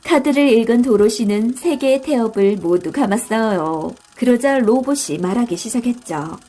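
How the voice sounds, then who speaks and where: Soft-spoken woman telling a bedtime story. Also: on the high side, expressive, normal speed. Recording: faint music behind.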